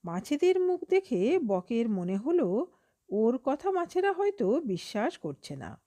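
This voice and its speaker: A woman narrating a moral fable in an unhurried, expressive storytelling manner on a close mic. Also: on the high side, dry recording.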